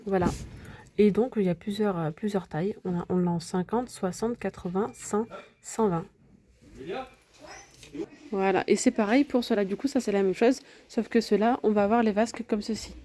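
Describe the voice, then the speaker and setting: A woman's voice: medium pitch, steady tone, normal speed, warm tone. Chatty woman touring a store. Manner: chatty, lists prices and sizes, frequent fillers. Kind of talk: casual shopping walkthrough. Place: large home improvement store, indoors.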